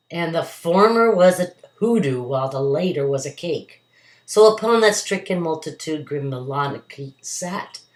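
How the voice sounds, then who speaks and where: A woman with a low-pitched voice reads a picture-book story aloud to children. Her delivery is expressive and emphatic, in a storyteller's style. The recording is echoey, like a room at home. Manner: dramatic, emphatic delivery with acted character voices. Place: indoors at home.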